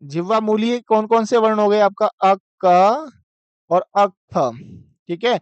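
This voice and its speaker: High-voiced man teaching Sanskrit, dry sound. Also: clear, resonant tone, no room sound, lo-fi sound. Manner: asks students frequent questions, slow chanted recitation of rules. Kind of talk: classroom lecture.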